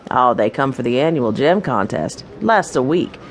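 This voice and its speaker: In a children's audiobook, a woman pushes her voice down into a bass register to play the friendly, businesslike owner of a gem mine. She gives him a folksy, salesmanlike manner, speaking expressively at a moderate pace. The mood is welcoming and informative.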